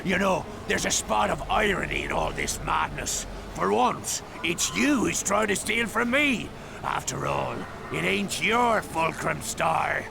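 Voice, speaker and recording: Captain Slag, a gravelly robot pirate head. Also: male voice, high-pitched, very animated, noisy background, heavily acted. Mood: scheming. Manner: bossy, theatrical, quick to yell. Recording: game audio over loud music.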